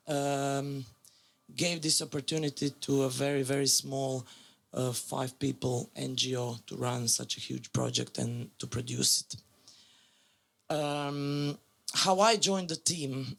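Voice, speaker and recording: A woman in her forties from Croatia, speaking English with a Croatian accent as a non-native speaker, gives a public lecture as a music curator. She talks haltingly, with many fillers and self-corrections. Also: sits low, gravelly, a bit bright. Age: 40s.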